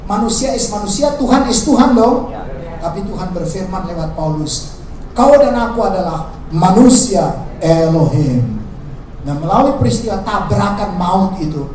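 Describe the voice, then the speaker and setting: A pastor preaching a lively sermon, acting out quoted lines in a raised voice. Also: male voice, high voice. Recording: echoey hall, distant mic, background noise.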